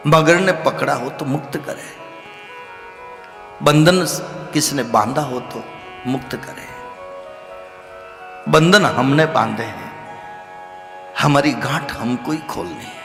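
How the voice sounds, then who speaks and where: A man giving an animated devotional scripture discourse as a religious storyteller, sometimes rising to loud exclamations. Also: fairly high pitch, slow, gravelly, long pauses, echoey room, big-room sound, faint music behind. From Rajasthan, India.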